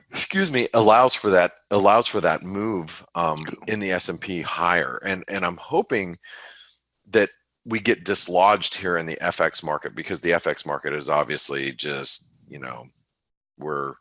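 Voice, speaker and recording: A man giving casual market commentary as an analyst on a trading webinar, halting and thinking aloud with many restarts and fillers. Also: deep voice, pushed and bright, no room sound.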